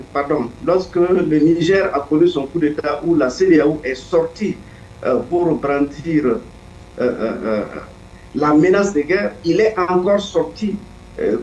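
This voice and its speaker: A man speaking as a political commentator in an interview, earnest and deliberate, often pausing to search for his words. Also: fairly high pitch, a little mellow, slight background noise. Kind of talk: analytical interview answer. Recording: echoey, distant, dull lo-fi sound.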